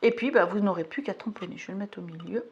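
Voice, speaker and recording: A woman's voice: mid-range voice, fast, muffled recording, a little hiss or hum. A woman vlogger chatting casually while showing craft stamps at her home table, rambling with self-mocking asides. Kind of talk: casual product haul and demo.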